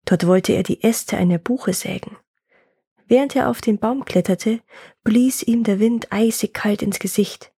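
Gravelly German woman reading a fairy tale. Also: mid-range voice, measured pace, dark tone, no echo, clean studio sound. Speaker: storyteller and podcast host. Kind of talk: scripted fairy-tale narration.

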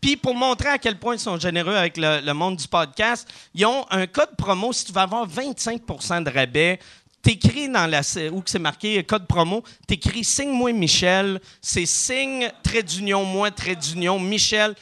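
Lively joking Québécois man. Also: high voice, moderate pace. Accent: Québécois French. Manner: crude, joking, laughs often. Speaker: podcast host. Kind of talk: casual sponsor read with jokes.

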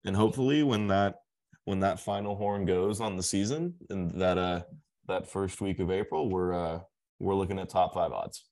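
A man's voice: low voice, normal speed, a little mellow. A man co-hosting a casual sports podcast, making his points emphatically and repeating words as he builds them. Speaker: podcast co-host.

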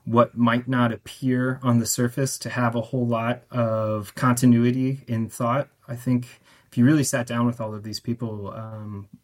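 A man talks as a guest on a radio interview about the festival he curates. He speaks thoughtfully, pausing with fillers at an ordinary pitch. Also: level tone, darkish tone. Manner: thoughtful, hesitant, many fillers.

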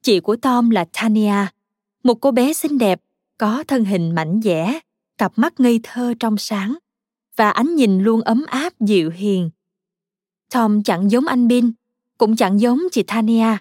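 A woman's voice: a little high, takes it slowly, dry recording, studio quality. Woman narrating a children's story. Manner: calm, even storytelling.

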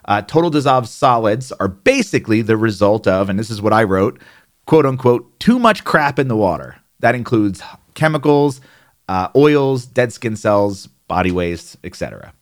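A man's voice: lowish voice, sing-song, normal speed. A man with a New Jersey accent explaining hot tub care in a conversational, plainspoken way, with fillers and asides. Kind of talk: instructional explainer.

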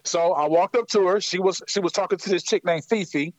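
A man from Ohio with a high voice, talking in a lively, slangy way. He tells stories with a loose swagger, full of "you know what I'm saying." The sound is dry and close, with no room around it. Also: a little fast, dry recording, highs cut off. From Akron, Ohio. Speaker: guest musician. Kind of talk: casual interview by phone. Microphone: phone line.

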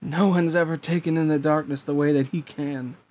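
A cold and scheming young man, as a male reader puts him on, sneering and taunting, quick to lose his composure. He comes across as a storybook villain in the reader's ordinary voice. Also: on the high side, fairly even intonation, darkish tone, lightly acted. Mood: brooding.

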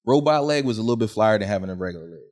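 A man's voice: on the low side, expressive, very fast, darkish tone. A man in his twenties hosting a podcast, joking and swearing through casual banter. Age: 20s. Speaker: podcast host. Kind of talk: casual chat.

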